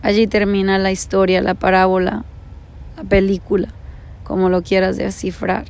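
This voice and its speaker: Reflective storyteller: woman, mid pitch, gravelly and flat, slow repeating phrasing. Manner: slow, repetitive phrasing, piling up lists of words.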